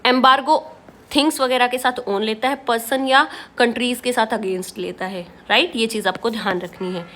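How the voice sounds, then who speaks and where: Indian lady teacher, high voice, mixes hindi and english, reads example sentences real slow. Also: bright, forceful tone. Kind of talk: exam-prep vocabulary lesson.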